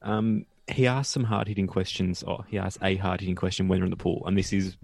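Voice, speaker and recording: Aussie guy on a podcast, kinda gravelly, low, dry close mic, laughs a lot. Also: flat delivery, brisk, a little mellow, no room sound. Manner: chatty, laughs often. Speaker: podcast co-host. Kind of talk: casual chat recapping a reality show.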